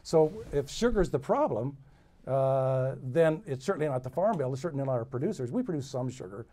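A man's voice: mid-range voice, expressive, fairly quick, warm tone. A middle-aged man from the American Midwest speaking on a panel, folksy and joking, often repeating his words. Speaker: panelist, agricultural economist. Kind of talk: panel discussion. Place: lecture room with audience.

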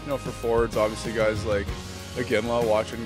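A man's voice: fairly low pitch, flat delivery, brisk, over music. A young man answering questions in a casual street interview outdoors, easygoing and laughing along, speaking into the host's handheld mic. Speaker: interview guest.

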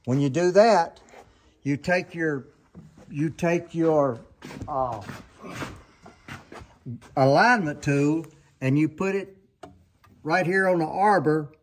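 An older man hosting a sawmill sharpening how-to show talks at a slow pace with long pauses, his voice on the high side. In this casual demonstration he rambles in a folksy way and often backs up to correct himself, all recorded handheld in an open barn workshop.

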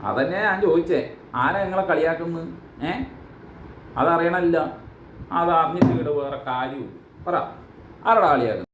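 A man's voice: on the high side, normal speed, pauses often, roomy sound, very noisy. A man hosting a reaction video, joking and teasing in mock outrage. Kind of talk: casual comic commentary.

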